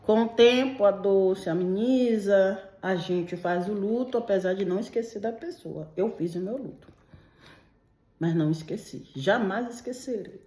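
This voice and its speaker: A woman and interpreter telling her own true paranormal story in an emotional, confiding way, speaking straight to her listeners. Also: medium pitch. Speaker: legal and medical interpreter. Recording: roomy echo.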